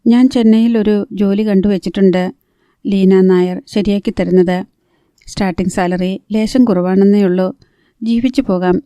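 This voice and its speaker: A woman's voice: medium pitch, steady tone, moderate pace, dark tone, clean tone, dry recording, close to an everyday voice. A woman reading the part of an anxious, practical young woman who pleads earnestly and keeps her voice down. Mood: pleading.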